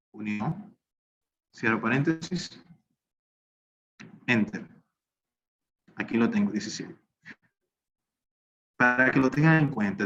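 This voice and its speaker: Male instructor, mid-pitched, explains each step as he works, on a slightly dull, lo-fi recording. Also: a bit bright. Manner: talks through steps while working on screen. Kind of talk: recorded spreadsheet class. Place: recorded online class.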